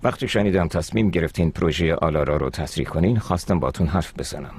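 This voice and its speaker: An actor playing a calm, measured middle-aged father and company owner in a dubbed drama. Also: low voice, slight background noise.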